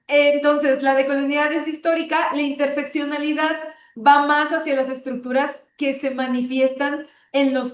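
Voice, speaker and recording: A woman from Tabasco speaks with a Mexican accent, leading an online workshop in a patient, explanatory way. She keeps checking in with her listeners as she goes. Her voice sits a little high, and the room around her rings with echo. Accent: Mexican Spanish. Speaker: workshop facilitator.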